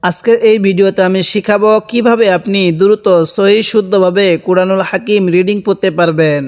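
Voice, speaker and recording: A man teaching Quran reading, spelling out syllables slowly and repeating them one by one. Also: high voice, steady tone, in a large hall. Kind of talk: spelling-out Quran recitation lesson.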